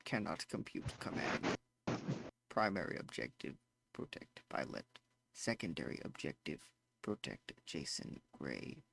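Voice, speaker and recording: A man voicing a gravelly glitching robot. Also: extremely low pitch, sing-song, a bit bright, voice pushed down, full character voice. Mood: glitching monotone. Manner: halting, stuttering, clipped machine phrasing. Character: glitching damaged robot, stuttering and repeating errors. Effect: glitching robot voice, words breaking and repeating.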